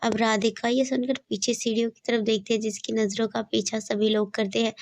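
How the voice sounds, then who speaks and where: A woman narrating a romantic story in a steady, even reading manner. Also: on the high side, creaky.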